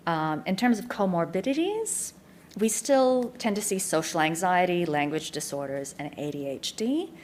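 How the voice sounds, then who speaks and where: An Australian woman giving a clear, informative conference presentation as a neuropsychologist, with frequent ums. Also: on the low side, darkish tone, slight background noise. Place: community information day presentation.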